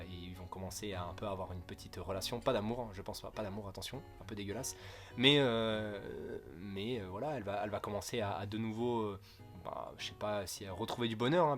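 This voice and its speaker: A man's voice: lowish voice, a bit bright. Joking young man rambling about manga. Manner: rambling, joking, self-correcting, crude slang. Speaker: manga youtuber. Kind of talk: casual wishlist review.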